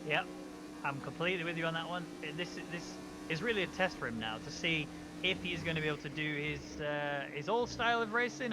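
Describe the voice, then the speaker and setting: Guy doing excitable motorsport commentator calls on sim racing, highish voice, clear car noise behind him.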